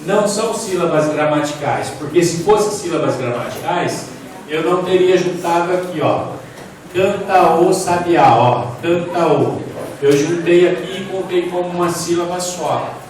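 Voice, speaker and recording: A man's voice: fairly high pitch, moderate pace, a little mellow. A man giving a poetry lecture from slides, explaining step by step and asking the audience questions. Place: large echoey hall. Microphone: distant from the mic. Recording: echoey hall, distant mic, faint room noise.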